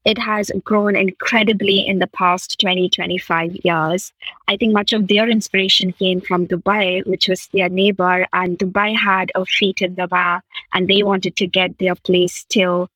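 Speaking at a moderate pace in a bright, forceful mid-range voice with flat delivery, a woman from India who grew up in Qatar reflects on her past as a podcast guest. She talks in long, flowing, earnest and enthusiastic sentences; there's no echo, though the audio is rough.

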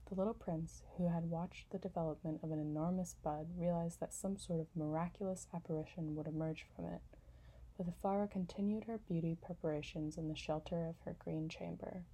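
A woman narrating a classic storybook in a calm, measured reading voice. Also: fairly low pitch, creaky, slightly rough, poor audio. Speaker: audiobook narrator.

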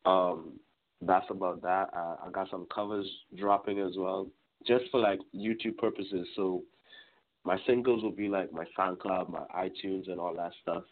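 A young man in his twenties from Trinidad and Tobago, talking casually as a musician guest in an interview, relaxed and rambling. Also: sits low, moderate pace. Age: 20s. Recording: tinny phone-like line.

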